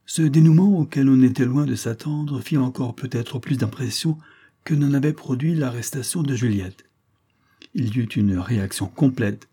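A man narrating a classic serial story in a measured, dramatic reading. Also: medium pitch, mellow, slightly rough. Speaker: audiobook reader. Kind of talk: scripted narration of a serial novel.

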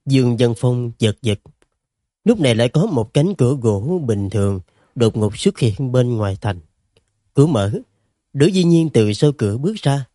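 A man narrating a fantasy story in an expressive, dramatic reading. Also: mid-range voice, no echo, clean studio sound. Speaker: audiobook narrator.

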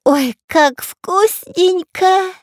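A woman's voice: very high voice, no echo, studio quality, voice pushed up, full character voice. A woman voicing a greedy male robber who whines and drags his words. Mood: whiny. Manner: whining, slow and drawn-out.

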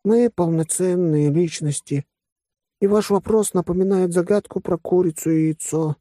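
A man's voice: high-pitched, normal speed, warm tone, no room sound, studio quality, voice pushed up. A man voicing a timid, thoughtful furry male alien in an audiobook, speaking carefully and formally. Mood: musing.

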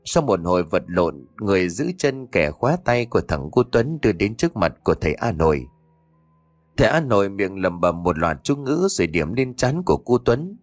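A man's voice: low voice, very animated, moderate pace, no room sound. A man narrating a ghost story for an audiobook in a dramatic storytelling manner. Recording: dry close voice over faint music.

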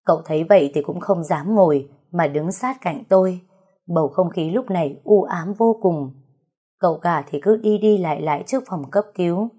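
A woman narrating a first-person story in a slow, emotional, dramatic reading. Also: on the low side, mellow, breathy edge.

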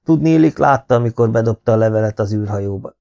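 Gorm, a man reading a brisk male conspirator. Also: fairly low pitch, vocal fry, dark tone, highs cut off. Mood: instructive. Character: brisk, practical male conspirator giving instructions.

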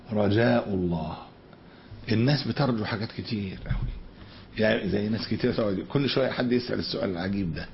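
An Egyptian man teaches a religious lesson in a gravelly voice with some fry. He keeps asking rhetorical questions and answering them, and moves from everyday colloquial talk into recited scripture. The lo-fi lecture recording sounds dull, with a faint hiss of background noise behind him. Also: fairly low pitch. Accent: Egyptian Arabic.

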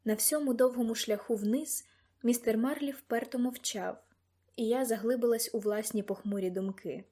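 A woman narrating a first-person audiobook in an even, measured way. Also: on the high side.

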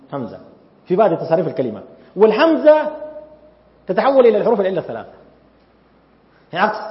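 Lively male grammar teacher. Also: high-pitched. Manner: lively, asks the class questions. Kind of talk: classroom lecture. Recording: echoey hall, dull lo-fi sound.

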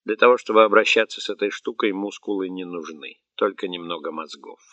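A man voicing a gruff but patient male army sergeant who explains things calmly with a mild tease, in an audiobook. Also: low voice, brisk, no echo. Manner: calm, explaining, mildly teasing. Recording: dull, muffled audiobook recording.

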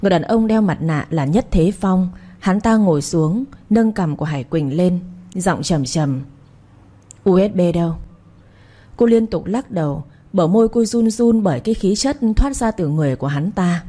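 A woman reading a romance novel aloud as storyteller, in a steady, expressive narration. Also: on the low side, normal speed.

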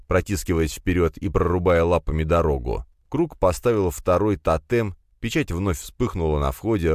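A man narrating a fantasy audiobook in an expressive, dramatic manner. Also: deep voice, no room sound, clean studio sound.

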